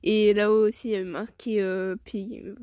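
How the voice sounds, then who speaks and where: A woman's voice: medium pitch, flat delivery, moderate pace, mellow, no room sound, studio quality. A woman casually reading a fan story aloud, stumbling over words, correcting herself and mocking her own reading. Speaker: fan fiction reader.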